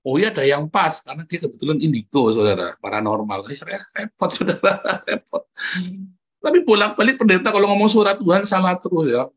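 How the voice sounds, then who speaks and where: A man preaching a lively sermon, talking straight to his congregation and leaping up in pitch to stress his points. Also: a little fast, breathy edge, lo-fi sound. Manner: animated, jumps high in pitch for emphasis, keeps calling out "saudara". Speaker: pastor.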